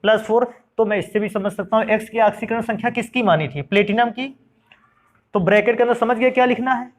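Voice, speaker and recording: A man's voice: high voice, brisk. Male chemistry teacher, classroom lecture, asks then answers his own questions, familiar with students. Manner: calls students "beta" and "bhaiya".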